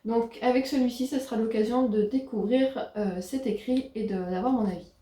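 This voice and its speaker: Woman, book vlogger, casual and hesitant, fairly high voice, roomy echoey recording. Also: dark tone. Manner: chatty, hesitant with frequent pauses. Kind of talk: casual book haul chat. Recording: roomy echo.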